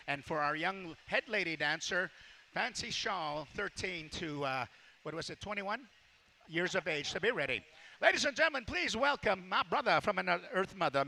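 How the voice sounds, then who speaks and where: High-pitched, gravelly male powwow announcer. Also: bright, forceful tone. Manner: jovial, joking. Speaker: powwow master of ceremonies. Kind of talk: live ceremonial announcing.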